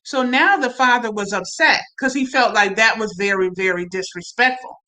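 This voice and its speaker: High, bright-voiced chatty woman streamer. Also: moderate pace, poor audio. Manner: chatty, slangy, repeats words, talks to viewers. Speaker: live-stream host. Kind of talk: casual reality-TV recap chat.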